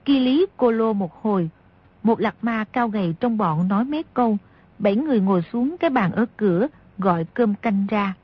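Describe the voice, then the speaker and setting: A woman reading a martial-arts novel aloud as an audiobook narrator, in a steady, measured way. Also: mid-range voice, breathy edge, dry recording. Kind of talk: scripted storybook narration. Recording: dry, dull lo-fi audio.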